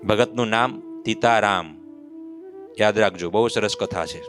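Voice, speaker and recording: A man's voice: on the low side, unhurried. A man preaching a devotional story, who acts out the voices of mocking villagers as he tells it. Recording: clear instrument music behind the voice. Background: musical instrument accompaniment.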